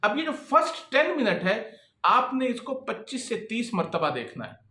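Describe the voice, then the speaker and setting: A man's voice: very high voice, sing-song, moderate pace, sharp tone, a little hiss or hum. A man coaching freelancers in casual, repetitive talk that keeps checking in with the listener. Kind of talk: casual advice talk to camera. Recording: echoey room.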